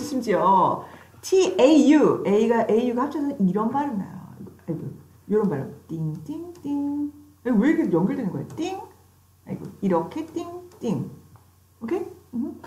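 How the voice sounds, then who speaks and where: A woman's voice: a little high, a little mellow, a little hiss or hum. A woman teaching an English vocabulary class, drilling pronunciation with call-and-repeat cues and teasing her students with playful questions. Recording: echoey classroom.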